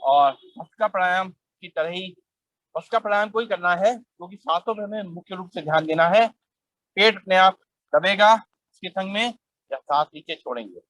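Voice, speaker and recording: A middle-aged man leading a guided yoga class outdoors, calmly instructing and counting breaths aloud in a steady rhythm. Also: sits high, brisk, no echo, poor audio.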